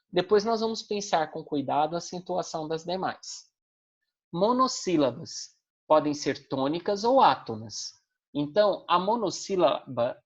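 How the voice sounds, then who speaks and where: Low-voiced Brazilian woman teaching a class. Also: dull audio. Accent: Brazilian Portuguese. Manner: didactic, checks in with tag questions. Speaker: Portuguese language teacher. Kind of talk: online class lecture.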